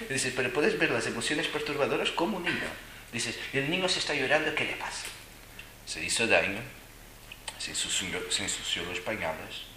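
A man teaching an informal class on emotions, chatting and joking with his students and often dropping to a soft hush. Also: fairly low pitch. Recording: echoey room with background noise.

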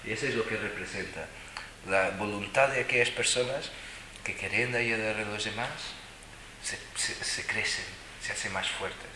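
Low-voiced guy telling stories to a crowd, punchy and emphatic, echoey room. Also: moderate pace, very noisy. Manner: emphatic, repeats words for emphasis. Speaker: speaker telling personal stories. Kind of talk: animated storytelling to an audience.

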